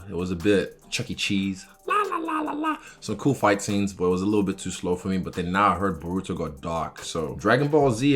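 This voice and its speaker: Young male, low-pitched, informal and frank interview chat with light background music. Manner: candid, informal, swears freely. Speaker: professional fighter talking about his interests. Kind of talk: casual chat answering interview questions.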